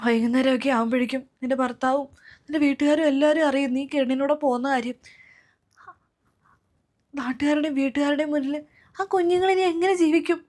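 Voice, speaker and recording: A woman playing a distraught middle-aged mother, high voice. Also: brisk, long pauses, a little mellow, lightly acted. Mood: scolding. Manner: wailing, emotional lament. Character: middle-aged mother, distraught and scolding over her son. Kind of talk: web series drama acting.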